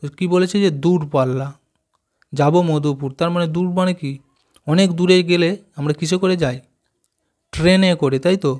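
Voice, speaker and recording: Male teacher, slightly high voice, slow patient syllable-by-syllable explaining for kids. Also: a little mellow. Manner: slow, syllable-by-syllable explaining with frequent check questions. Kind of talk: explaining a children's reading lesson.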